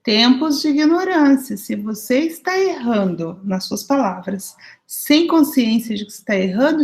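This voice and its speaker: Middle-aged Brazilian woman, group coordinator; higher-pitched, chatty storyteller on a video call. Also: poor audio. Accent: Brazilian Portuguese. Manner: chatty storytelling, often asks the group for agreement. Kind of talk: informal spiritual study group talk.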